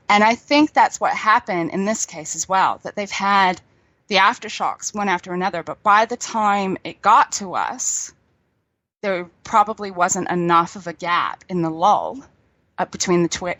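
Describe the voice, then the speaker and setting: A woman's voice: fairly low pitch, fairly bright tone, dry recording. A middle-aged woman from New Zealand with a New Zealand accent, a scientist guest chatting casually on a radio interview and laughing often.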